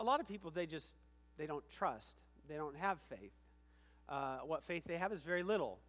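Male pastor with a slightly high voice, preaching emphatically with questions to the congregation; long reverb of a church hall. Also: sharp tone. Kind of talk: sermon.

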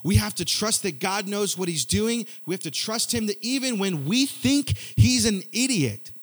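A young man preaching a sermon in a church, energetic and conversational, building points through repetition. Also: high voice, moderate pace. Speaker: youth pastor.

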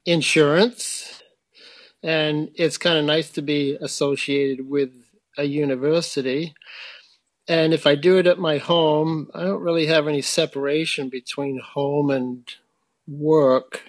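A man's voice: fairly high pitch, steady tone, measured pace, no echo. A middle-aged man, a frame-building teacher, explaining his work thoughtfully in a conversational interview, with hesitant restarts.

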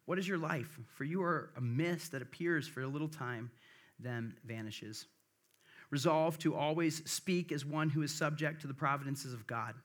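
Reading scripture with real earnestness, this middle-aged Midwestern pastor delivers his sermon at a normal speed and a fairly high pitch. His accent carries a light Southern softening, and he keeps checking in with the congregation with a quick "right?"

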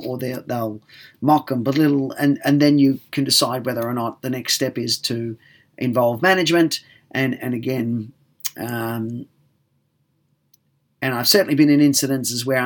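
A man talking as a workplace consultant, giving advice calmly and slowly, with many filler sounds and restarts. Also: medium pitch. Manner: frequent restarts and repeated words. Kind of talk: advice talk.

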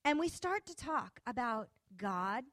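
Expressive woman sharing a faith story, acting out dialogue, fairly high pitch. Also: a little slow, no echo. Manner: animated, expressive retelling with quoted dialogue. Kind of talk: personal testimony storytelling.

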